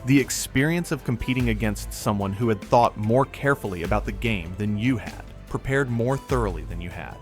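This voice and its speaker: A man giving steady, scripted narration for a sports video. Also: on the low side, a little fast, few pauses, soft background music.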